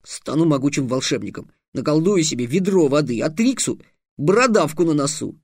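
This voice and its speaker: A man's voice: on the high side, expressive, a little fast, darkish tone, breathy edge, dry recording, studio quality. A man voicing a sulky, boastful young boy apprentice who turns whiny and pleading.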